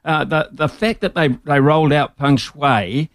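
A man with a New Zealand accent hosting a casual live radio interview, halting and repeating himself as he mulls over his words. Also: fairly high pitch, dry recording, clean studio sound. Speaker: sports radio host.

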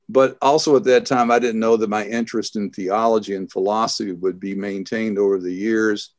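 An older man talks through his answers slowly, pausing and restarting as he thinks. His voice sits low, and the sound is dry and close. He speaks as an author being interviewed. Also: no room sound. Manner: thoughtful, halting, with many restarts. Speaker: author and guest.

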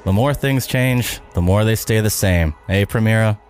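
A man playing a frazzled young male video editor, prone to yelping, excitable outbursts. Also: on the low side, moderate pace, faint music behind, pitched below the performer's own voice, close to an everyday voice. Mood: bewildered.

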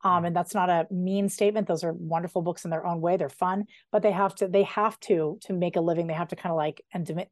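A middle-aged woman novelist, a guest in a casual interview, talking in an animated, digressive way with quick asides. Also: lowish voice, dry recording, studio quality.

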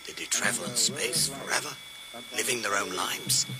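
An actor playing a dreamy, philosophical spaceman in a radio drama, hushed and musing. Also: fairly low pitch, lively intonation, moderate pace, over loud music, low-quality recording. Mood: dreamy wonder.

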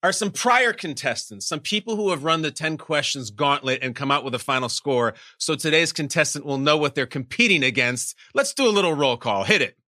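A man's voice: on the high side, lively intonation, brisk, hardly any pauses, sharp tone, no echo, clean studio sound. A man hosting a podcast quiz with emphatic, mock-dramatic showman banter. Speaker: podcast game show host. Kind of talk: high-energy game show hosting banter.

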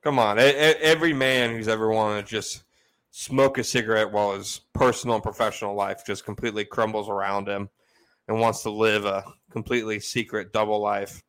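A man's voice: lowish voice, fairly even intonation, fairly quick, fairly bright tone, clean tone, rough recording. A man co-hosting a sports podcast, chatting casually and laughing as he retells favorite TV scenes. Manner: laughs often while retelling funny scenes. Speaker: podcast co-host. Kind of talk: casual chat.

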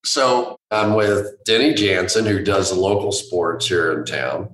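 A man telling anecdotes in an interview, animated and acting out what others said. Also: sits low, a little slow, echoey room, a little hiss or hum. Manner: animated, acts out others' lines. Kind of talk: anecdotal storytelling.

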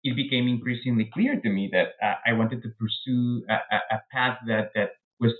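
Guy in his 30s, mid pitch, talks slow and careful, lots of restarts, sounds like a phone call. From Peru. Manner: thoughtful, with frequent restarts and hedging fillers. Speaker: guest author. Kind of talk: academic interview. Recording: tinny phone-like line.

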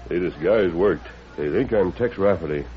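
An actor playing a calm, resolute western hero in a vintage radio drama, speaking in a measured, deliberate way. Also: male voice, low-pitched, natural voice. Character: calm, steady masked western hero in disguise. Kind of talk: 1940s radio western acting. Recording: dull vintage radio recording.

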